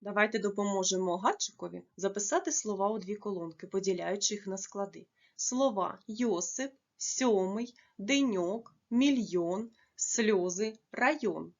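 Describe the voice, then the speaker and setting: A woman teaching a lesson to young children, dictating slowly and carefully with drawn-out words. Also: mid-range voice, animated, highs cut off. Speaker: primary school teacher.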